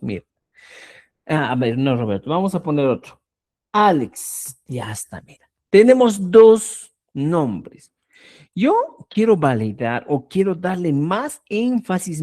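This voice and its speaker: Woman, language teacher, live online lesson, low mellow voice, lively pitch swings, slow, patient, checks in often. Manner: patient explaining, keeps checking with "¿ya?"; stresses example words and repeats them slowly.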